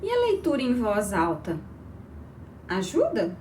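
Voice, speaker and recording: A woman teaching an early reading lesson to children, encouraging and spelling out syllables slowly. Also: mid-range voice, huge pitch swings, far from the mic, very noisy.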